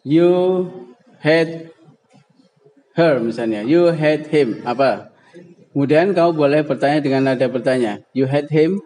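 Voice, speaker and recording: A man teaching an English grammar lesson to a class, reading example sentences slowly and prompting students to answer. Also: medium pitch, darkish tone, poor audio. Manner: slow, drawn-out example sentences with prompting calls.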